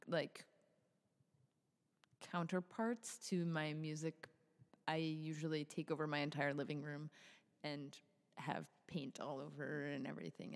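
A woman with a deep, low voice speaks in an unhurried, reflective way, sprinkling her talk with ums. She is in a huge empty studio the size of a basketball court, so a big hall echo trails every word. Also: a little mellow. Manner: thoughtful, unhurried, lots of ums. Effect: big hall echo from a large empty studio. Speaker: artist in residence, musician. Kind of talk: casual conversational interview. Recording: long echoey reverb in a big room.

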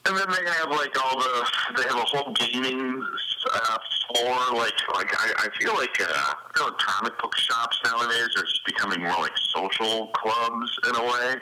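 A man's voice: medium pitch, moderate pace, hardly any pauses. A man chatting casually as a podcast guest, his voice coming over a phone played through a speaker. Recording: noisy, buzzing phone line through speaker.

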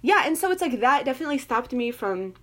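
A young woman with a Moroccan family background, chatting casually and telling animated personal stories, full of fillers and laughter. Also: high voice, fast talker. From Moroccan family, grew up in an English-speaking country. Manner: animated storytelling, lots of fillers, laughs often. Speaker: guest. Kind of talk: casual chat.

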